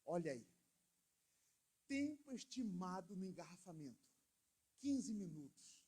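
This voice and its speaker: A man's voice: high-pitched, very animated, measured pace, husky. A male pastor from Brazil, preaching a sermon and firing questions for the congregation to answer. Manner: swings between loud emphatic lines and quiet storytelling asides.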